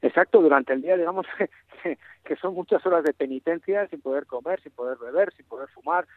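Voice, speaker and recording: Man, correspondent, thin phone line with no bass, mask-muffled, halting casual talk, dry. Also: no echo. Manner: halting, with many restarts. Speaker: foreign correspondent. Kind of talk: casual live call-in chat.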